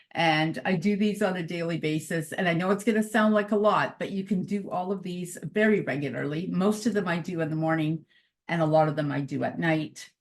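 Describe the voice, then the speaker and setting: Here a Croatian-born mindset coach based in Canada, a middle-aged woman whose first language was Croatian, gives a cheerful motivational talk. Her pitch sits fairly low, and she keeps laughing and hammering home phrases by repeating them.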